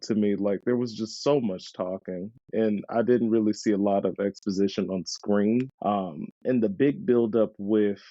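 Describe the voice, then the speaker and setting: Man, podcast guest, mellow low voice, dull lo-fi sound, sighs a lot. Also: steady tone, moderate pace, few pauses, no room sound. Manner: sighing, unimpressed, says "like" a lot. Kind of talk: casual podcast chat.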